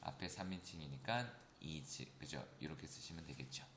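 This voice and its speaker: Low, bright-toned man teaching grammar. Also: expressive, roomy sound, a little hiss or hum. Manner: explains step by step, often checks in with students; slows down to read English examples aloud. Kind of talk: recorded classroom lecture.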